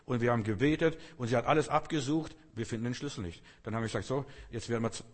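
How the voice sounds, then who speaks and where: Husky-voiced man preaching in a hall. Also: medium pitch, quick pace. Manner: earnest, repetitive, addresses listeners directly. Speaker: pastor. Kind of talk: sermon. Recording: long hall reverb.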